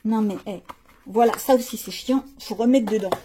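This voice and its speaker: A middle-aged woman with a mellow, highish voice speaks at normal speed over slight background noise. She's doing a casual show-and-tell of her art supplies, thinking aloud during demonstrations and making frank, slangy remarks.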